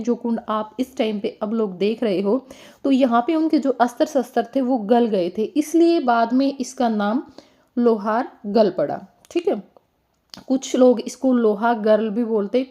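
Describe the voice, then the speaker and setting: A young woman with a Haryanvi accent, chatting in a casual travel vlog and explaining things slowly with lots of fillers. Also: a little high, dark tone. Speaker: vlogger.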